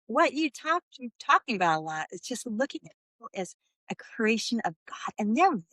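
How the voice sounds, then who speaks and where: A middle-aged woman from the US West Coast, a podcast guest telling a heartfelt personal faith story and slowing down for emphasis. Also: fairly high pitch, sing-song, a bit bright, no room sound. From Santa Barbara, US.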